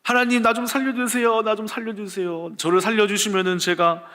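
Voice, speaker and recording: A man's voice: sits high, little pitch movement, a little fast, pushed and bright, voice pushed up. A man acting out a desperate young man who pleads fervently to be saved. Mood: pleading.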